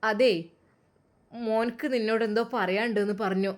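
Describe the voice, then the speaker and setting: A woman doing a warm older village mother with a lilt, set a little high. She soothes and reassures firmly in a storybook reading, though the voice stays close to the reader's own. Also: fairly even intonation, normal speed, natural voice. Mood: motherly. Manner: soothing, firm, motherly endearments.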